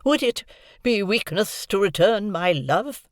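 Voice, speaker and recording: A woman playing Miss Havisham, wailing high. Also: lively intonation, dry recording, clean studio sound. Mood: shrieking. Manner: moaning, wailing, drawn-out. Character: old jilted woman, wild and anguished. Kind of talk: audiobook drama reading.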